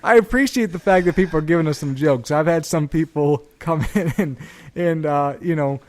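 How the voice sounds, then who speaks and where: A man's voice: on the high side, normal speed. Upbeat laughing podcast co-host man. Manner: upbeat, laughs often, restarts words. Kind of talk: casual podcast chat.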